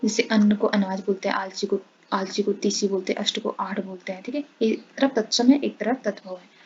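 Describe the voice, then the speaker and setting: A woman's voice: medium pitch, steady tone, a little fast, slightly rough. A woman teaching a grammar lesson in Hindi. She reads out word pairs, says "ठीक है" after each set, and mixes in English words. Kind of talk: classroom-style lesson. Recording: dull, slightly noisy lo-fi audio.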